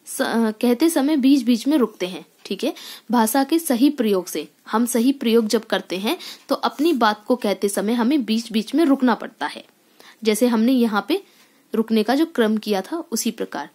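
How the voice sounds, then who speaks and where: A woman teacher gives a grammar lesson to children, speaking in a somewhat high voice. She explains patiently, repeating each point and pausing on hesitant fillers as she works through examples. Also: lively intonation, darkish tone. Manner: addresses children directly.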